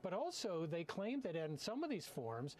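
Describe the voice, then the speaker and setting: Higher-pitched American man, halting legal analyst. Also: big pitch swings, a little mellow. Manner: halting, measured explanation with dry wit. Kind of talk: TV news interview commentary. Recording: clear background room noise.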